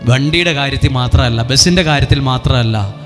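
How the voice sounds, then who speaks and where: A priest leading a revival sermon, coaxing the crowd with repeated call-and-response lines. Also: male voice, mid-range voice, fairly quick, big-room sound, soft background music. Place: retreat centre hall.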